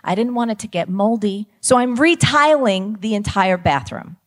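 A woman doing a brisk, tough mom. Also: mid-range voice, animated, big-room sound, voice pushed up, close to an everyday voice. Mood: breezy. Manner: brisk, dismissive reassurance. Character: tough, no-nonsense handy mother.

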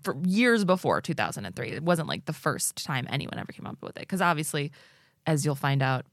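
Low-voiced woman podcasting from an attic. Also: sing-song, brisk, no echo, clean studio sound. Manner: informal, swearing. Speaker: podcast co-host. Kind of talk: casual conversational storytelling. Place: attic, home podcast recording.

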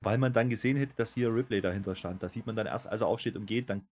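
A man's voice: on the low side, quick pace, a little mellow. Dry-joking man co-host. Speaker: podcast co-host. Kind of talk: casual wrestling recap chat.

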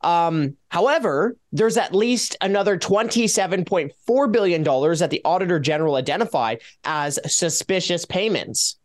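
A Canadian man, a taxpayer advocate guest on a casual radio interview, talking in an animated, sarcastic way as he lists figures. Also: high voice, normal speed, few pauses.

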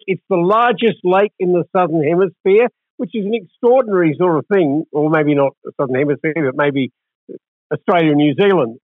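A man in his seventies hosts a conversational interview. His voice sits high for a man and he talks at some length. The sound is narrow and tinny, with little room around it. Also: no room sound. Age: 70s. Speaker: interview host. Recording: thin, tinny phone-like line.

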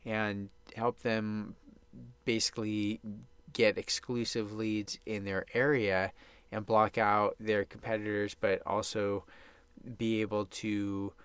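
Alone in a small sound booth, a man with a congested, stuffy nose hosts a casual solo podcast, rambling in an upbeat way. His voice is lowish, smooth, and fairly bright, with a level tone and slow pace, and no room sound.

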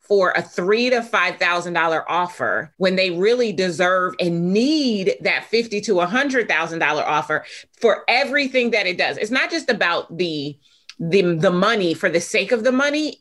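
A woman's voice: on the low side, fairly bright tone. Woman speaking with emphatic motivational drive. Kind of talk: casual conversation about business.

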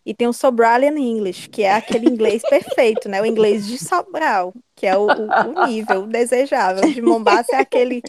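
A playful, wry woman with a fairly high voice, chatting casually on a podcast and joking about her own pronunciation. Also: moderate pace, hardly any pauses, a crowd in the background. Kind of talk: casual chat.

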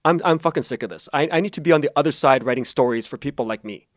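A man with a medium-pitched voice talks rapid-fire as an interview guest; he's a podcast creator and writer. He tells personal stories casually and conversationally, acting out quotes along the way, in a clean studio recording with no room sound.

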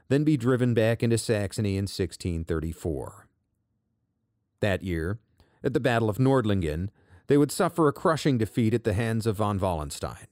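A man with a lowish voice narrates history from a script, sounding dry and close with no room around him. He reads long quoted passages aloud and builds energy as he goes. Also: darkish tone, dry recording.

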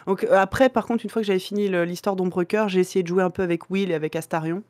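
A woman co-hosting a podcast, chatting casually and enthusiastically about a video game, blunt and quick to swear. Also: fairly low pitch, fairly even intonation, a little mellow, no room sound. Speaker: podcast co-host. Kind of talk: casual gaming chat.

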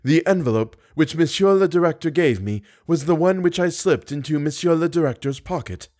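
A man's voice: a little high, brisk, a little mellow, voice pushed up, natural voice. A man voicing an angry old woman box keeper, yelping and indignant. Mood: explaining.

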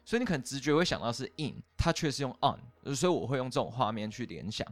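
A young man with a Taiwanese Mandarin accent co-hosts a podcast, walking through English grammar step by step in a chatty way. His mid-range voice is animated and quick, with no echo.

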